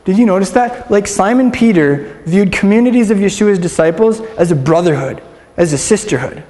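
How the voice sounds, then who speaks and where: A man with a fairly high voice gives an informal Bible teaching, chatty and upbeat, and has the listeners repeat words after him. He is recorded in a room with a long, echoing reverb around his voice. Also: animated, normal speed, darkish tone. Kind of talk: casual interactive Bible teaching.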